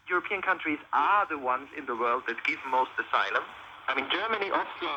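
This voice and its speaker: A man with a fairly high voice argues earnestly in a panel discussion, stressing his points like a policy expert. The sound comes through shortwave radio, dull and clearly noisy. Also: pushed and bright. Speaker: interviewee, migration policy expert.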